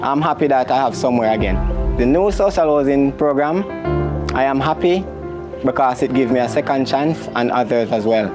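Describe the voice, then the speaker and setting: Man, 30s, sincere testimonial, loud music behind. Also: mid-range voice, moderate pace.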